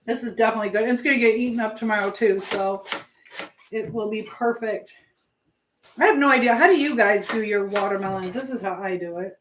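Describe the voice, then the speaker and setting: A woman talks a little fast at medium pitch while cooking live in her home kitchen, chatting casually and rambling through her thoughts. She is a livestream host and a language teacher. Clear background noise and a roomy echo fill the audio.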